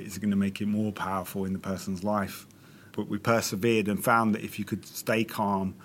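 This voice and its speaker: A man's voice: fairly low pitch, slight background noise. A man who works as a clinical psychologist, talking thoughtfully and candidly in an interview. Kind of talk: interview, casual reflective talk.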